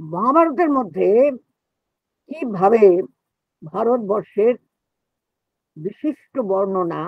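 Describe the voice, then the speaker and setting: A man's voice: high voice, creaky, dry recording. A man giving an explanatory lecture as the teacher of a reading class, asking rhetorical questions as he goes. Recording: dull, muffled lo-fi sound.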